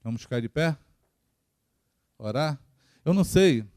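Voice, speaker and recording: A man's voice: on the high side, animated, a little slow, darkish tone. A man with a Brazilian Portuguese accent preaching a sermon in a church, talking to the congregation and asking it questions as he goes. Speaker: pastor.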